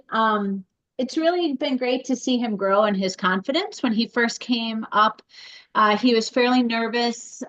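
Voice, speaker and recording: A woman's voice: fairly high pitch, a bit bright. Woman on a dull lo-fi video call. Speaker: dog foster. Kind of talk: casual chat.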